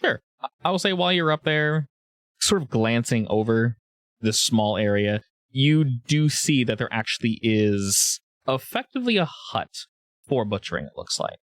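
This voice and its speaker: A man's voice: mid-range voice, big pitch swings, normal speed, dry recording. Man casually narrating as game master.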